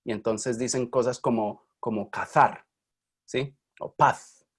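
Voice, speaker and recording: A man's voice: mid-range voice, fairly even intonation, normal speed, a little mellow. Chatty male teacher in online class. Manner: chatty, checks in with frequent questions. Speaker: university Spanish linguistics teacher.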